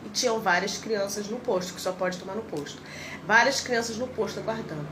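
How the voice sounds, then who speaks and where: A woman's voice: mid-range voice, fairly quick, background noise. A woman in her thirties with a Brazilian Portuguese accent, telling stories casually on a livestream as a reiki practitioner and acting out the people she quotes. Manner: animated storyteller who acts out quoted people.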